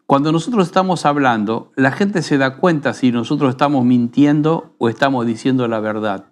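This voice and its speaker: Argentine pastor teaching in an unhurried tone. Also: male voice, medium pitch. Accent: Rioplatense Spanish. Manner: unhurried, teaching tone with frequent rhetorical tag questions. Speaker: pastor and radio program host. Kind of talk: conversational preaching.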